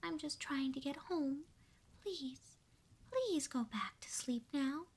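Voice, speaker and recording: A woman voicing a tiny, polite female mouse in a high, pleading whisper for a whispered role-play bedtime story. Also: lively intonation, takes it slowly, heavily acted. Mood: timid.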